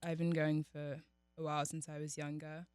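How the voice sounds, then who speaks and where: A woman's voice: deep voice, normal speed, clear, resonant tone, dry recording, clean studio sound. Young woman guest. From Nigeria. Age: young adult. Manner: relaxed, chatty, many "um" and "like" fillers. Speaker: podcast guest, college athlete. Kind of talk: casual interview chat.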